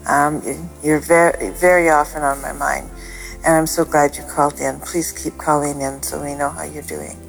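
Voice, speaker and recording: A woman caller offering a spoken prayer in a gentle, halting manner. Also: low-pitched, flat delivery, gravelly, soft background music, low-quality recording. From Canada.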